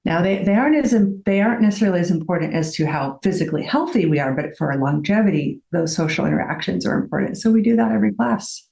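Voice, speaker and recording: A woman who founded a fitness company, talking in an upbeat, rapid-fire way and laughing often as a podcast guest. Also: fairly low pitch, expressive, gravelly, dark tone. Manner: rapid-fire talker who calls herself an auctioneer. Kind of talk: conversational interview. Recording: roomy echo.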